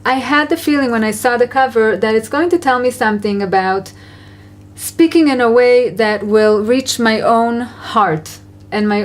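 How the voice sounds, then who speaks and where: Earnest woman giving gentle parenting advice. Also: fairly high pitch. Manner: earnest, reflective, gently encouraging. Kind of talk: casual Q&A conversation.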